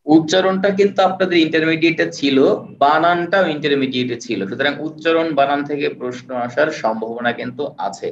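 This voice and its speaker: A man teaching an online class, patiently repeating words and sounding them out slowly. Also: on the high side. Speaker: online tutor. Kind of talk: live online lecture. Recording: roomy, distant, dull sound.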